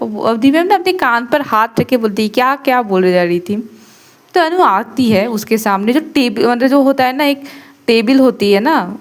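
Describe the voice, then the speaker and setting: A woman telling a love story in a casual, chatty way, with lots of fillers and loose phrasing. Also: fairly high pitch.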